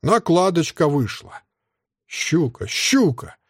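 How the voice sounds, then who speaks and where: A man's voice: a little high, animated, moderate pace, dry recording, studio quality. A man voicing a brutish, cannibal cyborg gang boss who gloats, sneers and roars in an audiobook. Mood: gloating. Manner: gloating, sneering, roaring, with braying laughs. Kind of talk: audiobook character voice.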